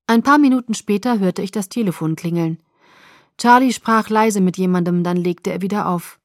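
A woman narrating a first-person novel in a calm, even storytelling voice. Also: mid-range voice, normal speed, no echo, clean studio sound. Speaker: audiobook narrator.

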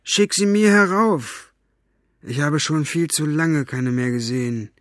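A man's voice: fairly high pitch, measured pace, fairly bright tone, dry recording, pitched above the performer's own voice. Male reader as captive man, forced cheer over fear, audiobook, dry sound. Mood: defiant. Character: captive adult man forcing a light tone.

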